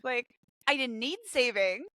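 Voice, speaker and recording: A woman's voice: a little high, a little slow, pushed and bright, dry recording. A woman who grew up in Brazil and Mexico, hosting a casual podcast chat and telling her own story candidly and with animation. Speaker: podcast host.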